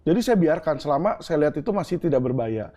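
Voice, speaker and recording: A man's voice: a little high, very animated, quick pace, mellow. A middle-aged man from Indonesia in an interview, answering earnestly and explaining with homely examples and asides like "right?". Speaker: interview guest.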